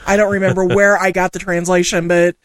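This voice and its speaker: A woman from Southwest Missouri with a local accent co-hosts a podcast, chatting casually, laughing often and rushing through listener names. Her voice is lowish and her delivery flat, captured in clean studio sound with no room sound.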